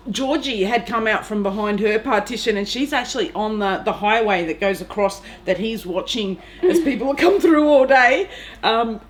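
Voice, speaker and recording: A woman's voice: on the high side, a little hiss or hum. A woman, co-hosting a casual chat and often laughing through her anecdotes. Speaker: podcast co-host.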